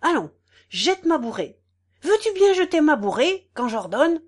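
A woman's voice: mid-range voice, lively intonation, slow. Woman putting on a pompous bullying squire. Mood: furious. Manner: boastful, then furious and shouting, then fawning.

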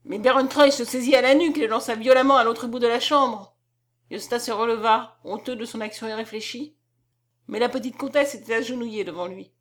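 A woman reads a classic novel aloud in a measured, even manner. Her voice sits a little high. She narrates the scene at a steady pace. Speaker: audiobook narrator. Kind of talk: scripted literary narration.

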